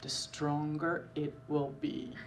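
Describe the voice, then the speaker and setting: A neuroscientist from the Netherlands, a woman in her thirties with a Dutch accent, does a live stand-up set about her research, self-deprecating and dry, with lots of filler sounds. She speaks slowly in a low, flat voice, far from the mic, amid background noise at the comedy show.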